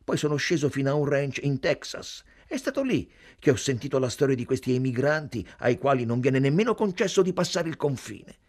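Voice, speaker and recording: A man's voice: medium pitch, sing-song, a little fast, few pauses, a little mellow. A man voicing a sardonic, talkative reporter. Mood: explaining. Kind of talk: audiobook reading.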